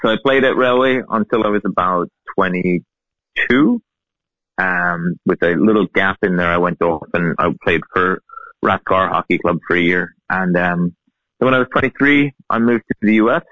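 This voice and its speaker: Here the Irish coach, a man in his thirties whose accent has mellowed after years in America, speaks at a normal pace in a low-pitched voice. He's a casual, chatty interview guest who laughs easily as he recounts his story. The audio is dry and tinny, like a phone line, with no room sound.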